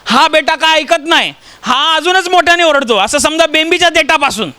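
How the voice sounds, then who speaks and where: A man's voice: very high-pitched, animated, fairly quick, sharp tone. A man from Maharashtra preaching a sermon, telling stories and putting rhetorical questions to the congregation. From Maharashtra, India.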